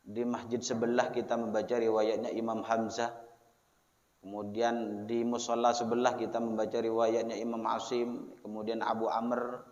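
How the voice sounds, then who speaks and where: A man's voice: medium pitch, darkish tone. A man with a Javanese accent giving a religious study lecture in a prayer hall. He reads the text with word-by-word glosses, then explains it, tagging nearly every phrase with "ya". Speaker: religious teacher. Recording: lo-fi with long hall reverb.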